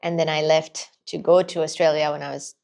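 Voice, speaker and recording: A woman from Pakistan, a podcast guest, telling her story in a lively way and laughing often. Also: sits low, fairly quick, creaky. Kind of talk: casual interview chat.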